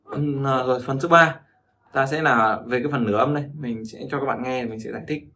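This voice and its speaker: A man's voice: mid-range voice, a little fast, pushed and bright. A man teaching Chinese pronunciation, repeating words after a recording and explaining them. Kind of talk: pronunciation lesson.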